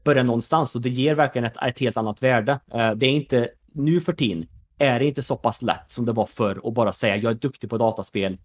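A man from Sweden in his thirties, a former pro gamer turned esports executive, talking in a casual podcast conversation with lots of fillers and "you know" asides. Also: medium pitch.

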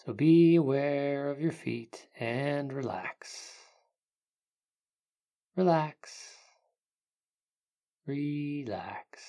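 A meditation narrator speaking like a sleep story narrator, giving gentle, hushed guidance with long pauses and a creaky voice. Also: mid-range voice.

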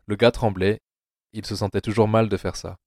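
Deep-voiced male narrator, dry sound. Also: level tone, moderate pace, a little mellow, dry recording. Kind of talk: scripted audiobook narration.

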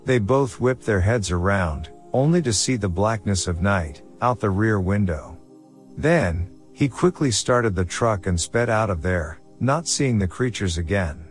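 A man narrating a horror story in a steady, measured way. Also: fairly low pitch. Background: faint background music.

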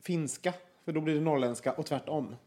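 A man's voice: fairly high pitch, mellow. A man hosting a casual podcast chat, playful and often laughing. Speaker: podcast host.

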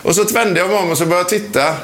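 A man's voice: high voice, fairly bright tone, slight background noise. An older man, a former footballer, telling a chatty anecdote about an old match, often laughing as he speaks. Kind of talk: anecdotal storytelling.

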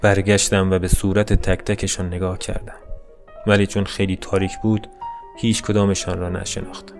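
Low, flat-voiced man reading a story. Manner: calm, melancholy, deadpan reading. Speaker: narrator. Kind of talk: scripted story narration. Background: faint music.

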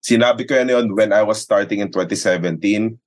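A fast-talking man with a fairly low pitch and a Filipino accent, from the Philippines, is a sports announcer and radio commentator being interviewed. He chats casually and explains things emphatically in a podcast conversation, code-switching as he goes.

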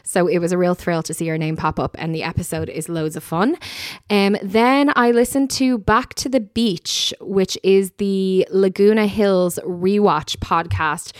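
A woman's voice: medium pitch, fairly even intonation, unhurried, no room sound, studio quality. Chatty woman podcast host. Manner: chatty, laughs often, gives recommendations. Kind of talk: casual chat.

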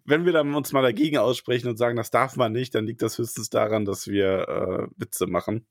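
A man's voice: mid-range voice, steady tone, brisk, no echo, clean studio sound. A man in casual podcast chat, hesitant, with many fillers and restarts. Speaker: podcast co-host discussing a book.

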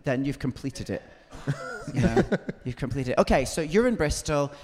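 Lively, lower-pitched Scottish man hosting, echoey hall. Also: normal speed. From near Edinburgh, Scotland. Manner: cheeky, teasing. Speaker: host. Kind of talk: comic live chat show interviewing.

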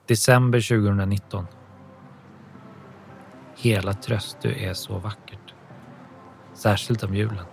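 A man narrating an audiobook in a calm, even storytelling manner. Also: on the low side, creaky, a little hiss or hum.

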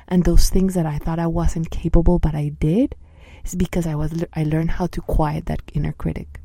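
A woman in her thirties, a coach, speaking softly and earnestly about her own experience, at times voicing inner thoughts. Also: lowish voice, no echo. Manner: soft-spoken, earnest, acts out inner voices. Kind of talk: reflective personal talk.

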